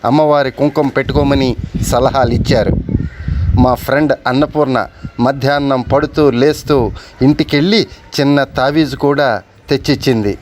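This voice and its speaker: Expressive male storyteller reading aloud. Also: medium pitch, moderate pace, very noisy. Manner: expressive, breaks off to chat with the diary's writer. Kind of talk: storytelling narration with spoken asides.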